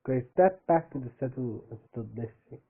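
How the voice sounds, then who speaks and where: A man's voice: medium pitch, lively intonation, a little fast. A man reading a fan story aloud, stumbling over words and breaking off for joking asides. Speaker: reader of fan fiction. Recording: tinny phone-like audio.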